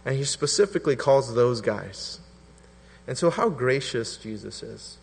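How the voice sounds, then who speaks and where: A man in his thirties preaching a sermon in a relaxed, conversational way, acting out quotes in different voices. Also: medium pitch, measured pace, gravelly, slightly rough. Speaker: pastor. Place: church hall. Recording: reverberant church hall.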